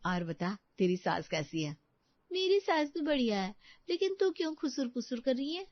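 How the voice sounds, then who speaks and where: A woman puts on a cheerful young female friend in a storybook tale, voiced high and chirpy, chatty and bright. The sound is dry, close and a little dull. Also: sing-song, moderate pace, dry recording.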